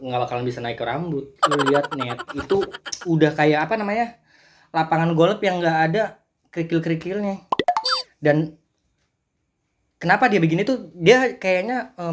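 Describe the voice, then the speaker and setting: A man's voice: on the high side, slight background noise. A man hosting a reaction video, ranting casually and swearing a lot as he mocks clips. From Central Java, Indonesia. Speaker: host of a reaction channel.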